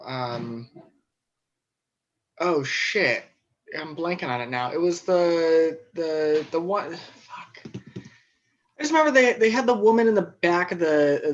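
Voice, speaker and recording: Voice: mid-range voice, animated, normal speed, highs cut off. A podcast panelist in casual chat, wry, who uses many fillers and gets stuck on names.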